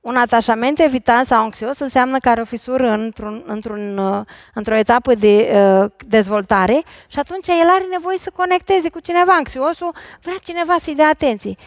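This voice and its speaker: A middle-aged woman therapist speaks from a stage with a bright, high voice. She talks in a lively way and keeps asking the listeners questions. The sound is dry and close. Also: few pauses, no echo. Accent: Romanian. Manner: lively, questioning the audience directly. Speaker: imago couples therapist. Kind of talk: talk on stage before an audience. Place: large concert hall stage.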